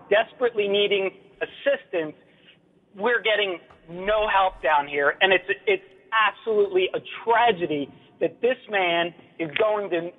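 A man calling in to a radio show over a phone line, complaining angrily and urgently. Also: high-pitched. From New Jersey. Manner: angry, urgent, indignant complaint.

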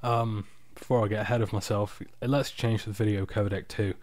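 A tired man giving a casual, unscripted screen-recording tutorial, explaining software steps in an informal, off-the-cuff way. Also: lowish voice, steady tone, normal speed, dry recording. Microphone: external microphone, close and dry.

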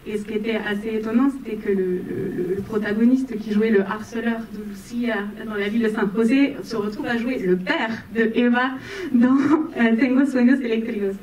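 A woman's voice: on the high side, moderate pace, a little mellow, far from the mic, dull audio. A young woman moderating a film Q&A, asking long, winding questions with many fillers, on a handheld mic in a cinema. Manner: winding, articulate, with frequent fillers. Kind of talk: long prepared questions to a guest. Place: cinema auditorium in front of the screen. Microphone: handheld mic, filmed from far away. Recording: echoey hall taken from afar, faint noise.

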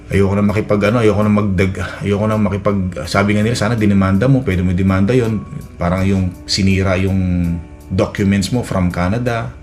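Isang lalaking vlogger na nakatira sa Canada at kaswal na nagkukuwento ng sariling karanasan, paulit-ulit na nauutal at maraming "ano". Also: male voice, fairly low pitch, fairly even intonation, a little fast, a little mellow. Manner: rambling, many restarts and fillers, acts out quoted dialogue. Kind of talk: casual storytelling vlog. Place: Edmonton, Canada. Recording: faint music behind.

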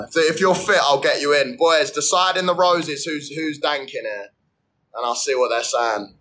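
A brash young adult man hosts a livestream from an indoor room, holding his phone at arm's length and bantering crudely with viewers in fast slang and swearing. His voice is on the high side, animated and bright, with a forceful tone.

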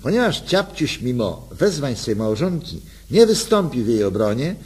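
Man, humorous story reading, ironic and playful, husky, very animated pitch. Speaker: narrator.

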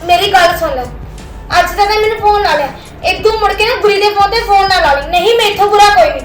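A woman's voice: very high-pitched, quick pace. An actress playing a jealous, possessive young woman who talks bluntly and threateningly. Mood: sharp. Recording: echoey room, far from mic, music behind.

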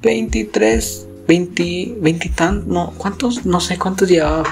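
A man's voice: sits high, fairly even intonation, a little slow, faint music behind. A teenage boy with a Mexican Spanish accent ranting casually, rambling and profane, as a YouTuber talking over gameplay. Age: teens.

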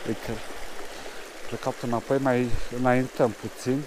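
Man fishing by a loud stream. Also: mid-range voice, little pitch movement. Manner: mumbles quietly to himself while fishing, then speaks up loudly to the camera. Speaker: fishing vlogger. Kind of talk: casual outdoor fishing commentary. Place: outdoors by a mountain stream. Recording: rushing stream noise behind.

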